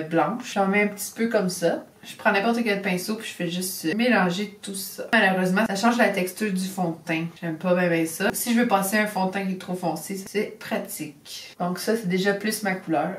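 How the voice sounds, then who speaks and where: A woman's voice: mid-range voice, far from the mic. A young woman with a Québécois French accent chatting casually as she unboxes beauty products and does her makeup, tossing in English beauty words. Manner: chatty, upbeat, drops English beauty terms. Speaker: beauty vlogger. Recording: echoey room, voice a bit off-mic.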